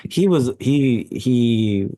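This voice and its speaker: A man with a mid-pitched voice in a very dry recording talks as a podcast guest. His chat is informal, and he repeats words to drive a point home. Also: lively intonation, extremely slow, dark tone, dry recording. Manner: informal, emphatic repetition. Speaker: guest hip hop artist.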